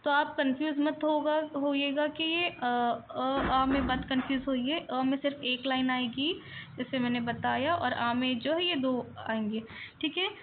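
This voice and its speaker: A woman's voice: high-pitched, fairly even intonation, measured pace, narrow, tinny audio, background noise. A woman teaching the Hindi vowels to beginners, stretching each sound and mixing English words into her Hindi. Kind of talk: slow, patient teaching with drawn-out example words.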